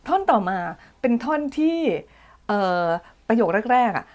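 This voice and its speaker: A woman teaching English in a casual way, slowly explaining a song line by line, playfully flustered and giggly. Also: a little high, very animated, a little mellow. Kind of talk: casual song translation lesson.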